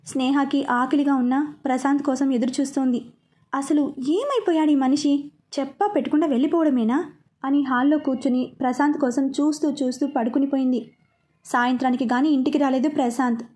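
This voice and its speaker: High-voiced woman telling a story. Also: fairly even intonation, brisk, mellow. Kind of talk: scripted narration.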